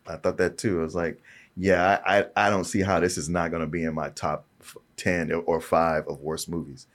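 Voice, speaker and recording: A man's voice: deep voice, level tone, moderate pace. A man co-hosting a movie podcast, talking in a casual, blunt, profane way with plenty of energy. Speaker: podcast co-host. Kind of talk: casual chat.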